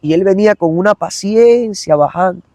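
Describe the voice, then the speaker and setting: A man's voice: sits high, moderate pace, a little mellow, no room sound. A man giving an emotional personal testimony as an evangelist guest, earnest and repetitive, speaking straight to the listener.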